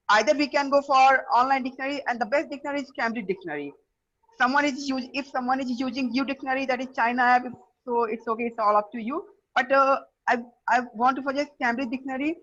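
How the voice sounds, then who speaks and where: High-voiced Indian woman giving earnest advice. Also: fairly bright tone. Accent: Indian English. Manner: earnest, advising, with many fillers and restarts. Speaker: group discussion participant. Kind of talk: casual advice in a group discussion. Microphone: phone voice message. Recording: dull lo-fi voice note audio.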